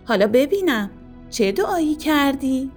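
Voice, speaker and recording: A tender mother's voice, played by a woman in a storybook, gentle and reassuring. Her pitch sits a little high and moves in a lively, sing-song way. Faint music plays behind her. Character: tender, patient mother comforting her daughter.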